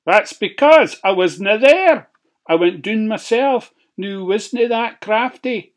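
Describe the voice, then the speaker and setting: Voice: medium pitch, lively intonation, slow pace, voice pushed up. A narrator voicing a grumpy, cocky little pig in a Scottish storybook tale, talking back defiantly. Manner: defiant and cheeky.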